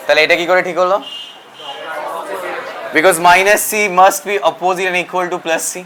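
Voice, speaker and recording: A man's voice: high-pitched, steady tone, takes it slowly, fairly bright tone, a faint crowd, a little hiss or hum. A male physics teacher with a Bengali accent lecturing a class, mixing Bengali and English and quizzing students.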